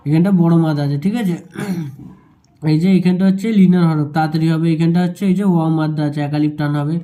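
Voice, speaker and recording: A man teaching a Quran reading lesson, spelling out syllables slowly and explaining rules patiently. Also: a little high, fairly even intonation, dark tone. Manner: slow syllable-by-syllable spelling and recitation. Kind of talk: Noorani qaida lesson.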